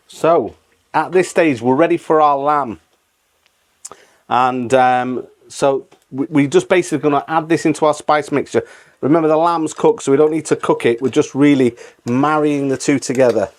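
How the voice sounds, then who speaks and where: A middle-aged man hosting a casual step-by-step cooking tutorial, repeating phrases for emphasis. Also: mid-range voice. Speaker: cooking channel host.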